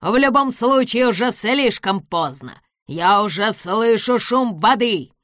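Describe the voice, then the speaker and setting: A shouting, gloating little man bent on revenge, as a woman narrator puts him on. His voice rises loud and harsh, and it sounds dry and close. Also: mid-range voice, moderate pace, no room sound, natural voice. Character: spiteful vengeful little old man gloating.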